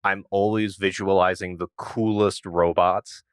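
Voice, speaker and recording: A man's voice: deep voice, flat delivery, a little slow, clean tone, no room sound, clean studio sound. A man co-hosting a podcast in casual chat, laid-back and musing, often breaking into laughs. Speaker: podcast co-host.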